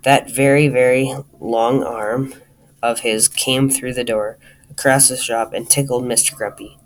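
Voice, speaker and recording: A man reading a children's storybook aloud, talking straight to the listener in a lively way. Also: medium pitch, a little slow, slight background noise, poor audio. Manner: lively, addresses the listener directly.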